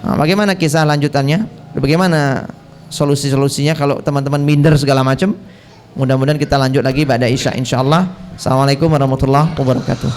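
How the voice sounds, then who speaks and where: A man's voice: medium pitch, steady tone, quick pace, slight background noise. A man giving a religious talk, explaining a lesson and asking his listeners if they follow. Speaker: preacher.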